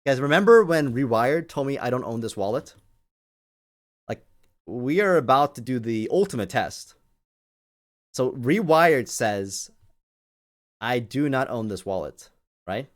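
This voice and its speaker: A livestream host gives casual live commentary in a mid-range, animated voice, unhurried and broken by long pauses. He speaks in repetitive, stop-and-start phrases and often addresses his listeners directly.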